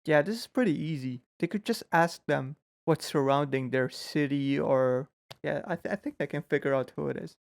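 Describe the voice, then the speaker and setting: A man's voice: a little high, creaky, no room sound. A man hosting a reaction video, talking casually and skeptically about what he watches. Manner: chatty, skeptical, quick to call people out. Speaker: reaction channel host.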